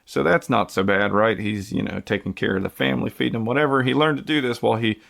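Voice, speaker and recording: Gravelly low-voiced man telling crime stories. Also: quick pace, fairly bright tone. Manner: conversational, with many fillers and restarts. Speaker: podcast host. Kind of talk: casual true-crime storytelling.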